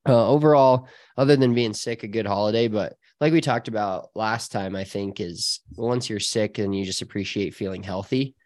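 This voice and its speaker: A man's voice: on the low side, normal speed, few pauses, darkish tone, no room sound. An American man co-hosting a casual chat, talking in a rambling, slangy way. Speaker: podcast co-host.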